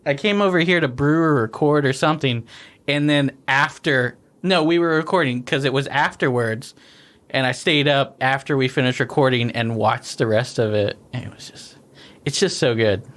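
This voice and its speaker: Over beers on a laid-back tasting podcast, this male co-host meanders through what he wants to say with plenty of restarts and laughter. He speaks at a moderate pace in a medium-pitched, slightly bright voice.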